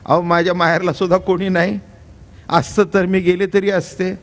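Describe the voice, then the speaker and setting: A man's voice: sits high, flat delivery, normal speed. An older man voicing an ordinary housewife, pleading and then defiant, inside a kirtan story. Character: stubborn ordinary housewife, middle-aged woman.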